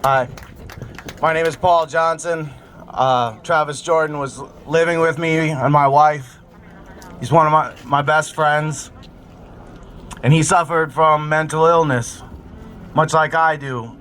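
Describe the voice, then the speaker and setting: A man speaks earnestly at an outdoor protest, his voice bright and tense. Faint street noise sits behind him. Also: on the high side, steady tone, slow, pauses often. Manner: earnest, emotional. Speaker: rally speaker. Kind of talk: protest speech.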